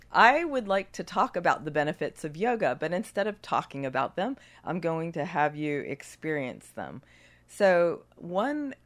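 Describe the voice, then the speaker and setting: A woman with a gravelly voice from a cold, speaking as a guest yoga teacher and guiding meditation and movement in a measured, instructional way. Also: low-pitched. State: has a cold.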